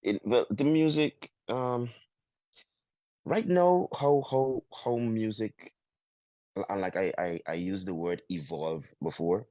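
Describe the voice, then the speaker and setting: A man from Guyana with a Guyanese accent, a soca artist talking in a casual interview, halting and full of restarts. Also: fairly low pitch, dark tone, no echo. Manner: halting, many restarts, drawn-out phrases. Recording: dull, muffled sound.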